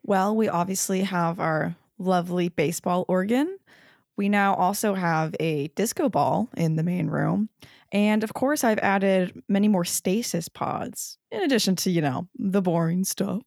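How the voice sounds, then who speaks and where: Woman cohost, kinda gravelly, dry offhand jokes, dead dry room. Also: medium pitch, unhurried, darkish tone, no echo. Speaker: podcast co-host. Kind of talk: playful comedic banter.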